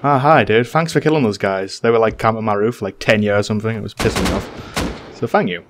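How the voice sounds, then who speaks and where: A man's voice: on the low side, fast talker, noisy background. A young man commenting casually on his gameplay, teasing another player with sarcasm. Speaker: gaming YouTuber.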